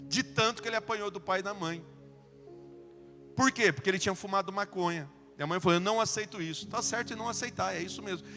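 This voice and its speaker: A Brazilian pastor preaching a sermon, telling stories and acting out dialogue, swinging between soft and loud. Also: male voice, high voice, long reverb tail. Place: church sanctuary.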